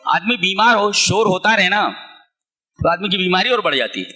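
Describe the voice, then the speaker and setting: A man giving a commentary lecture as a preacher, asking rhetorical questions and reciting Arabic verses slowly. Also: high-pitched, bright, forceful tone. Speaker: Quran commentator.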